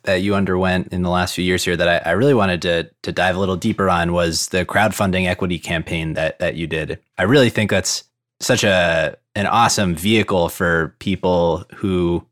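Man, low-pitched, dry recording, casual interviewer, wordy questions, repeated words. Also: steady tone, moderate pace, a bit bright, dry recording.

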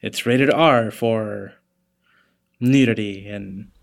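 A man's voice: lowish voice, slow, vocal fry. Easygoing man podcast co-host. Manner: easygoing, hesitant, many "yeah"s and fillers. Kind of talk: casual chat.

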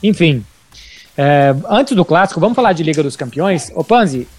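Higher-voiced Brazilian man hosting football talk. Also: lively intonation, moderate pace, darkish tone, faint music behind. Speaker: sports podcast host and journalist. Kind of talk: informal football talk, anecdotes.

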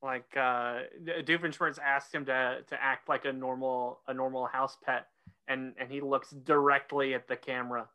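A man's voice: medium pitch, flat delivery, moderate pace, bright, forceful tone, smooth. A man from Oklahoma chatting casually on a podcast in a modest, understated way. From Oklahoma, United States. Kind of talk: casual chat.

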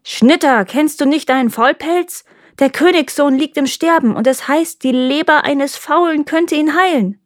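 A woman's voice: sits high, unhurried, no echo, studio quality, voice pushed up. A woman voicing a menacing rider who threatens a lazy reaper in a storybook reading. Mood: threatening. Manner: threatening, commanding.

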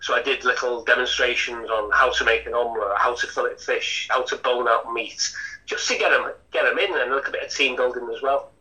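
A man's voice: medium pitch, fairly quick, pushed and bright, distant mic, low-quality recording. A man, a hotel chef talking through an interview with many restarts. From Lancashire, England. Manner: chatty, rambling with frequent restarts.

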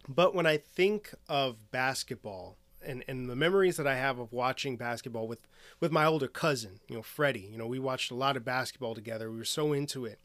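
A man in his late twenties from near Chicago, speaking in a halting, reflective monologue and filling nearly every phrase with "you know". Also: mid-range voice, fairly bright tone, no echo. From Northwest Indiana, near Chicago. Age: 20s.

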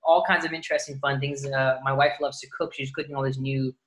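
A man's voice: mid-range voice, level tone, fast, fairly bright tone. A man in his thirties from Dallas, Texas, guesting on a podcast in casual, rambling chat. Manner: rambling, many restarts and fillers.

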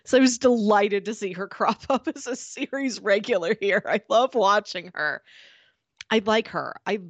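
With a mid-range voice at normal speed, a woman podcast co-host talks informally about a TV show. She giggles a lot and keeps saying "like," and there's no room sound in the recording.

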